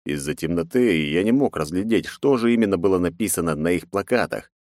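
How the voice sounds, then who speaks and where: A man reads a first-person adventure novel aloud, his pitch rising and falling a lot. The sound is dry and close, with no room behind it. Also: lively intonation, a little fast, darkish tone, no echo. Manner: voices characters with raised pitch and force. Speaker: audiobook narrator. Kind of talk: first-person audiobook narration with acted dialogue.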